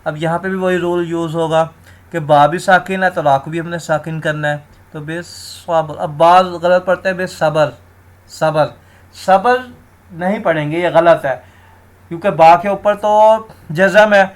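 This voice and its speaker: A man teaching Quran recitation rules, explaining each rule and then slowly sounding out words to demonstrate, often turning to his viewers as friends. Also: fairly high pitch, steady tone. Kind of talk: tajweed lesson, explaining and demonstrating.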